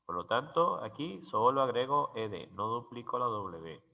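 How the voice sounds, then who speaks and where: A man teaching English grammar as a slow, careful lesson, spelling out letters and repeating each example word. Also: mid-range voice, big pitch swings, vocal fry. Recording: dull, lo-fi sound with long reverb.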